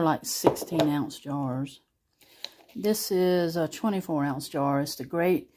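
With a lowish voice, a woman gives a chatty, homey rundown of her grocery haul, filmed close on a phone at her kitchen table at home. There's background noise in the recording.

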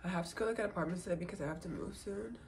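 A tearful vlogger speaking to the camera in a halting, unsteady way, full of pauses and small fillers. The voice sits in a middle pitch and sometimes sinks into a soft whisper. A faint hum of noise sits behind it. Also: creaky. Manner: drops into soft whispers at times. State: tearful, holding back crying. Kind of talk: personal vlog, talking to camera.

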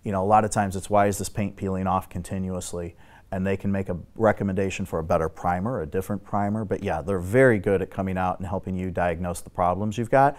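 A man's voice: low voice, fast talker. Middle-aged man explaining building repair. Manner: steady, technical, instructive explaining. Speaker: exterior building expert guest. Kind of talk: explanatory talk show conversation. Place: talk show studio set.

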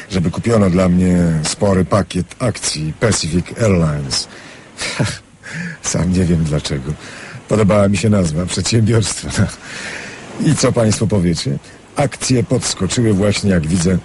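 In a radio drama, an actor plays an affable young businessman who boasts and chuckles his way through animated stories in a breezy, pleased mood. He has a deep voice and speaks unhurriedly. A murmuring crowd sits behind the radio play, along with a little hiss or hum.

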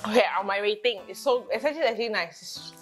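A woman's voice: medium pitch, expressive, fast talker. A woman with a Malaysian English accent co-hosting a casual food-tasting video, playful and stubborn, laughing easily. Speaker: food review co-host. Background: faint background music.

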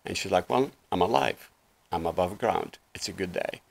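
A Lebanese man in his sixties, a guest life coach on a small TV studio set, tells his story earnestly and loosely at a normal speed, leaning heavily on fillers. His voice is very low with a gravelly edge, in casual interview talk.

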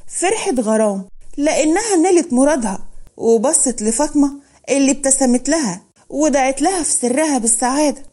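A woman with an Egyptian accent narrating a romantic story in a smooth, dramatic telling. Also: high voice, lively intonation, brisk, mellow.

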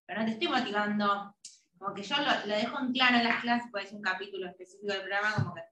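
Woman student, bright tone, hesitant questions, echoey room at a distance. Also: mid-range voice, fast talker, slight background noise. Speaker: student in the class.

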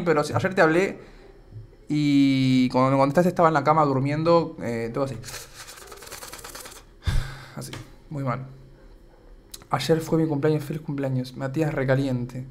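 A young man with an Argentine accent, chatting casually on a live stream and reading comments aloud, his voice a bit worn out. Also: mid-range voice. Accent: Argentine Spanish. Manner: chatty, rambling, reads chat aloud.

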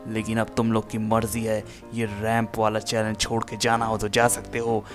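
A man's voice: lowish voice, monotone, normal speed, music in the background, lightly acted. A man voicing a confident game hero, narrating a stunt challenge in a teasing way. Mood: taunting. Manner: taunting, showy narration. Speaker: gameplay voiceover narrator. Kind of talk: game voiceover role-play.

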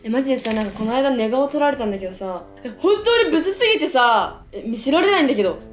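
Young woman vlogger, slightly high voice, casual slangy chat, echoey indoor room. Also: fast. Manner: chatty slangy young woman, lively storytelling with playful exaggeration. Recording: echoey room with faint music. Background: faint background music.

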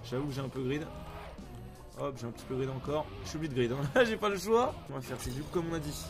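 A man streaming live gameplay, commenting excitably, often swearing and yelling at the game. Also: medium pitch, quick pace, music in the background.

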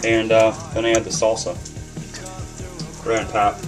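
A man's voice: on the low side, completely flat delivery, unhurried, over music, rough recording. A man in his thirties talking casually to a webcam while cooking in his home kitchen, rambling with lots of ums and swearing freely. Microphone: webcam camera mic.

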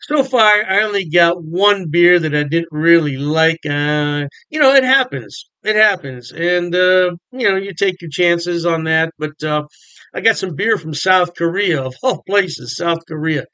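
A man's voice: on the high side, unhurried, sharp tone, clear, resonant tone, dry recording, rough recording. An older American man chatting to the camera about beer from his home bar room, folksy and enthusiastic. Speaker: beer vlogger. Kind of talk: casual talk to camera.

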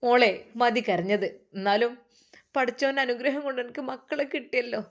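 A soft-voiced grandmother, acted by a woman, coaxing and motherly. She speaks quietly and keeps her pitch fairly high. This is a spoken storybook tale. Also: fairly quick, close to an everyday voice. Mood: tender. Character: tender grandmother comforting her daughter.

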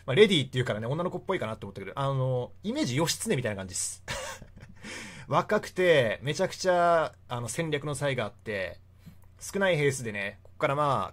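A young man giving a casual, chatty history lecture and often laughing between points. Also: medium pitch. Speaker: history explainer.

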